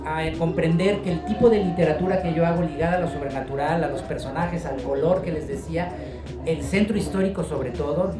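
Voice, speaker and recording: A man from Guadalajara with a Mexican accent, an author talking about his work in a relaxed, joking way at a book presentation. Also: a little high, reverberant, far from the mic. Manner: relaxed, storytelling, joking asides. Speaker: author being interviewed.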